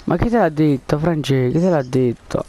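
A gaming video creator chats casually over his headset, rambling with lots of fillers while coaxing a friend along during a prank. His voice is a little high and warm, and he speaks at a moderate pace.

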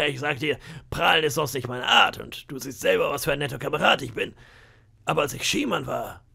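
A man voicing a boastful, scheming pirate cook of about fifty, with a gravelly, raspy voice and a sly, bragging manner. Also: on the high side, lively intonation, fairly quick, pushed and bright, voice pushed up, heavily acted. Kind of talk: audiobook character voice.

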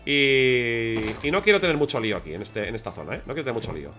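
Spanish guy streaming a game, chatty and excitable, bright voice, soft music behind. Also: medium pitch, fast talker. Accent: Spain Spanish. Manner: chatty, excitable, talks to viewers. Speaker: gaming streamer. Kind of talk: live gameplay commentary.

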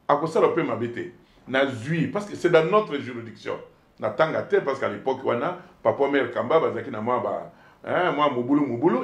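Emphatic Congolese man in an echoey room. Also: mid-range voice. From Democratic Republic of the Congo. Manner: animated, emphatic, switches back and forth between two languages. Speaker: politician guest. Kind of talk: interview storytelling.

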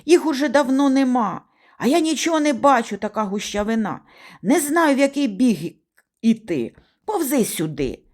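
A woman's voice: high voice, very animated, moderate pace, voice pushed up. A woman voicing a frightened, touchy village boy who calls out, snaps and pants as he crawls through a cornfield. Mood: calling out. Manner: yelling, irritable, breathless.

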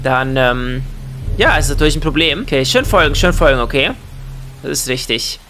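A young man doing excitable Let's Play commentary, full of exclamations and questions and sprinkled with English slang. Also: mid-range voice, moderate pace, soft background music. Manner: mixes English slang into German. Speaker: gaming YouTuber.

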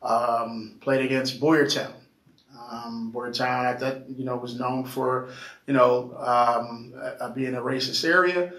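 A man's voice: mid-range voice, steady tone, fairly bright tone. Earnest man, roomy distant sound. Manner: halting, many fillers, earnest. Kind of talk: casual discussion. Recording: roomy echo, mic at a distance.

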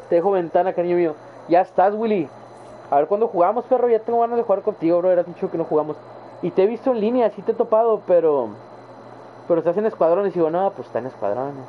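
Speaking fast and animatedly in a high-sitting voice, this young man with a northern Mexican accent rambles casually in slang to his audience while gaming live. Faint background noise runs under tinny, phone-like audio.

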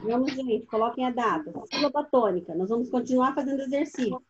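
A woman's voice: sits high, fast talker, dull audio, noisy background. A woman teaching a primary school class over a video call. She asks her pupils patient questions and calls on them by name. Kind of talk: online class instruction.

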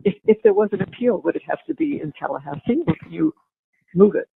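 An older woman talking casually over a tinny payphone line, husky and gravelly, hesitant with restarts. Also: on the low side, animated, fast, no room sound. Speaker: caller on a recorded jail phone call. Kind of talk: casual phone conversation. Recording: dry, tinny phone-line audio.

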